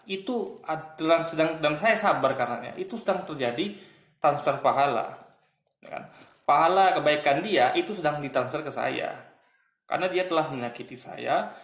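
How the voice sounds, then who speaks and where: An online commentator with a fairly high, gravelly, slightly bright voice talks to his viewers in an echoey room. His casual monologue is argumentative and mocking, and he keeps repeating "guys" and "gitu kan."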